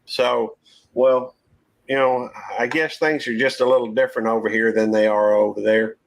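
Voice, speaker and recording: A man's voice: mid-range voice, level tone, moderate pace, vocal fry. A man, hosting a casual live-stream panel chat in a folksy, rambling drawl. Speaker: channel host.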